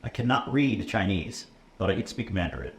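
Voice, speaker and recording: An American man in his thirties, a native English speaker from the USA who teaches computer science, chats in a relaxed conversational interview. His deep voice has lively intonation and a fairly quick pace, full of ums and uhs and frequent "okay?" check-ins. The recording has a roomy echo and faint room noise.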